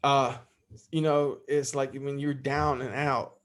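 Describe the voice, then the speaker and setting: A man's voice: medium pitch, little pitch movement, takes it slowly. A middle-aged man speaking as a podcast guest in candid interview talk, heartfelt and freely swearing.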